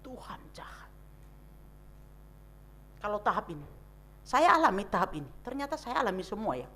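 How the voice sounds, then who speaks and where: A woman pastor giving a seminar sermon on grief, dramatic, acting out scenes with sudden loud outbursts and soft whispers. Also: mid-range voice, very animated, fast talker.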